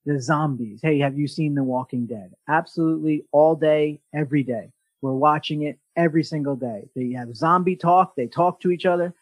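Man, podcast host, motivational talk, energetic, slightly high pitch, dry sound. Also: normal speed, hardly any pauses, no echo, poor audio. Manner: energetic, restarts often.

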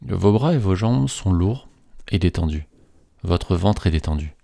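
A man slowly reading a guided relaxation script in a soothing, measured way. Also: low-pitched, animated, vocal fry, dark tone, dry recording, studio quality.

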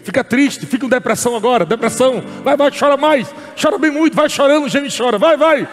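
A man playing a low, gloating devil. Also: quick pace, big-room sound, faint music behind. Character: sneering devil goading a sad person.

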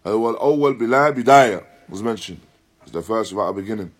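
A religious teacher with a slightly husky, lowish voice gives an Islamic lesson, live-streamed from an Islamic centre. He explains a text in deliberate, halting phrases, restates points emphatically, and recites passages in Arabic.

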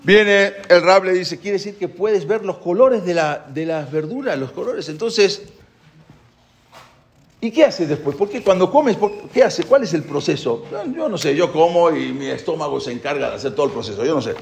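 A man teaches a spoken Torah class, questioning his listeners and telling a parable like an animated storyteller. His voice is fairly high with vocal fry, and he moves at a moderate pace.

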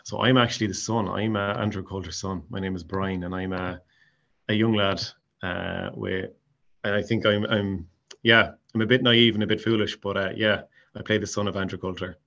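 A west of Ireland accent marks this Mayo man, an amateur drama society actor being interviewed informally about his pastime. The voice is on the low side and gravelly yet fairly bright, with a steady tone at a moderate pace, captured in lo-fi sound.

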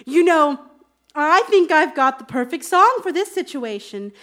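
A woman's voice: high voice, expressive, unhurried, pushed and bright, heavily acted. A woman playing a chirpy, fussy nanny. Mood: upbeat. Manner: sing-song, overly upbeat. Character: cheerful, fussy female nanny. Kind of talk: live comedy radio play.

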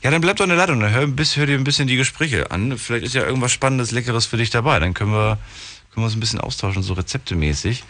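A man's voice: mid-range voice, lively intonation, rapid-fire, bright, forceful tone. A young man hosting a casual radio call-in show, reading listener emails aloud and chatting with callers.

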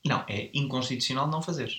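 A man with a European Portuguese accent in casual chat, joking in a dry, deadpan way. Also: medium pitch, fast talker, roomy sound.

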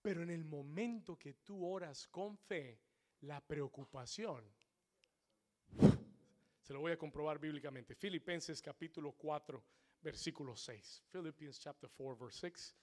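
A man preaching a sermon to a congregation, repeating his points in English and rising to shouts before dropping low and slow. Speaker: pastor. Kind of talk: bilingual sermon. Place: church sanctuary.

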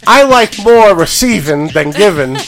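A man's voice: sits high, lively intonation, unhurried, fairly bright tone. A male comedian trading playful, loose banter on a radio show and breaking into song. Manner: playful, bursts into singing. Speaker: comedian guest. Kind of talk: casual radio banter with sung rap. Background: hip hop music.

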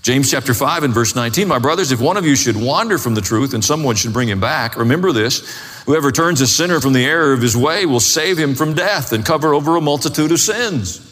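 A pastor preaches a sermon emphatically and plainly, driving his points home with short repeated phrases. His medium-pitched voice is expressive, fairly quick, and fairly bright. The sound carries the long reverberation of a hall, with faint music behind it.

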